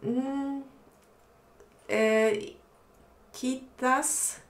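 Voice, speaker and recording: A woman with a Swiss accent, teaching a live online language lesson, explaining words slowly and answering viewers' comments. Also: high voice, steady tone, roomy sound. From Switzerland. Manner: slow, explanatory, repeats words for learners.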